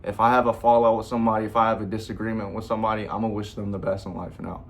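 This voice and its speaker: A young man with a lowish voice talks straight to his phone camera in an earnest, rambling vlog. He leans on slang and fillers, circling back to his point. A faint hum of room noise sits under his voice. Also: level tone, rapid-fire. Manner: earnest, rambling, slangy, repeats "bro" and "you know". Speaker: vlogger. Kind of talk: casual heartfelt vlog talk.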